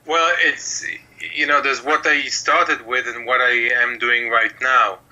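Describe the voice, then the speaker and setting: Unhurried and level, with a sharp tone at medium pitch, a middle-aged mentalist from Israel chats through his life story in a laid-back interview. He meanders and uses many fillers, and the audio sounds dull.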